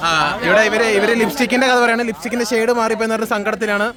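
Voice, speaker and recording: A young man with a high, light voice films his friends on a road trip, chatty and teasing as he calls out each of them to the camera. A crowd of voices chatters around him the whole time. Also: little pitch movement, racing. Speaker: vlogger. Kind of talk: casual travel vlog with friends. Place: among a group on a road trip, by a bus. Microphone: handheld camera. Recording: busy group chatter around.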